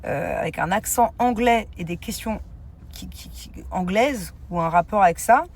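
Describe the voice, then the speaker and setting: A woman's voice: mid-range voice, moderate pace. A woman in her thirties vlogging casually to camera, rambling along with fillers and side comments. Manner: rambling and chatty, lots of fillers and asides.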